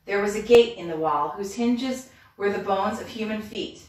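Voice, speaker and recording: A woman reading a fairy tale aloud in a steady, measured way, with small slips, in a reading room. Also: medium pitch. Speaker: storyteller. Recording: echoey room from far off.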